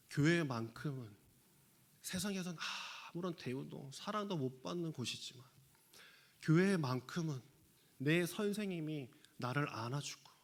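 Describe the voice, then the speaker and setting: Earnest Korean pastor, rather high voice. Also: male voice, a bit bright. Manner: conversational storytelling, fillers, rises to earnest emphasis. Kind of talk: sermon.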